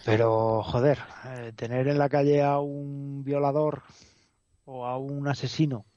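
A man giving opinions in a measured, conversational way during casual chat. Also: mid-range voice, little pitch movement, mellow, no room sound. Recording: slightly muffled dry recording.

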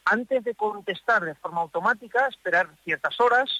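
A man speaking as a psychologist guest on a radio show from a parked car, thoughtful, with pauses and restarts. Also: sits high, sharp tone, dry recording, rough recording. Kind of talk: explanatory radio talk.

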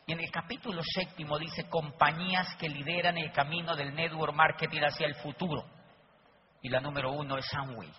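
High-voiced emphatic man. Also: steady tone, normal speed. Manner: emphatic, repeats key lines, addresses audience. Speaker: motivational business speaker. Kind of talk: motivational talk with acted anecdotes. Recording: dull lo-fi recording with faint noise.

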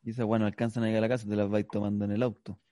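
A man's voice: fairly low pitch, little pitch movement, rapid-fire, dark tone, no echo, studio quality. A Chilean man firing off profane, mocking comebacks in crude comic banter with a co-host.

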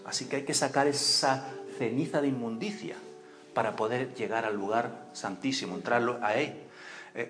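Male pastor, lively church sermon, plays out the characters, faint music underneath, mid-range voice. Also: mid-range voice. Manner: animated storytelling, acts out voices and cries, asks the congregation questions.

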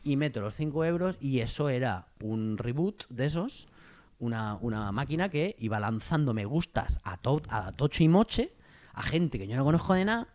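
Animado contador de historias, hombre de acento español. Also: male voice, mid-range voice, moderate pace. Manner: animated storyteller, acts out quotes. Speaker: co-host. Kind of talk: casual radio chat.

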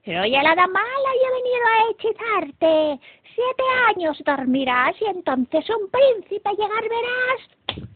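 A woman voicing a bad-tempered, dim old female fairy with a high, screechy cackle. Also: sing-song, unhurried, no echo, exaggerated voice. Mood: shrieking threat. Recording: dry, tinny phone-like, raspy.

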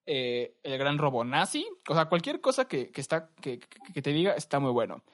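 A young man with a Mexican Spanish accent, co-hosting a podcast and telling stories in a relaxed, slangy, rambling way. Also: a little high, moderate pace. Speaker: podcast co-host. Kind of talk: casual chat.

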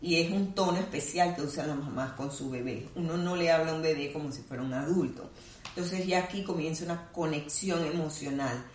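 A female clinical psychologist talks through ideas in a low, calm voice, measured and teacherly, in an explanatory conversation. The mic sits some distance away, so the room lends a noticeable echo, with a faint hiss or hum underneath.

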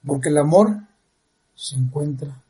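A man with a Mexican accent playing a pompous, preachy life coach in a comedy parody, speaking slowly and solemnly. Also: a little high, warm tone, natural voice. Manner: slow, solemn, drawn-out preaching.

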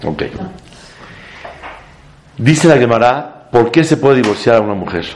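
A man teaching a Torah class to a live audience as a rabbi. He talks emphatically, sweeps up in pitch to stress his points, and mixes Hebrew terms into his speech. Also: animated, a little fast, a little mellow, a little hiss or hum.

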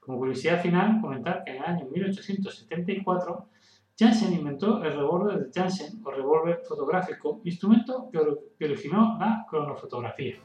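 A man hosts a casual science explainer in a slightly high voice, stumbling and restarting as he goes. He sits back from the mic in an echoey room, and the sound is dull and muffled. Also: lively intonation, fairly quick, a little mellow, distant mic. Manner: casual, stumbles and restarts, tells a joke as a dialogue. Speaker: host.

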